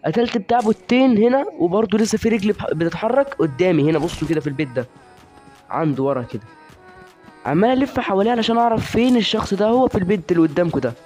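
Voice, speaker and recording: A man's voice: high voice, animated, racing, darkish tone, faint music behind. A young man with an Egyptian Arabic accent commentating his own shooter game live, chatty and teasing his opponents.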